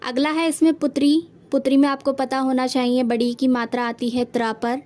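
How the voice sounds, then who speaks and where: A woman's voice: sits high, level tone, moderate pace, a little mellow. A woman teacher explaining correct Hindi spellings to students step by step, patiently, calling them children.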